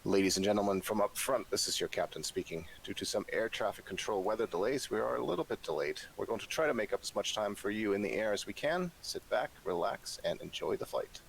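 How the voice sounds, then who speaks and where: A man voicing an airline captain's calm, formal passenger announcement over the cabin loudspeaker. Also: on the low side, quick pace, gravelly, hardly any pauses, pitched below the performer's own voice. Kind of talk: pilot's scripted passenger announcement. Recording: distant voice with faint hiss.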